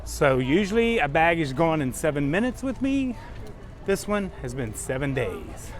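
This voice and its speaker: A man's voice: fairly high pitch, sing-song, moderate pace. A man hosting a casual travel vlog, chatting encouragingly as he walks. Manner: encouraging, chatting while walking. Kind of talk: casual walk-and-talk chat. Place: outdoors, walking along a resort path. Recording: outdoor city ambience and vehicle noise.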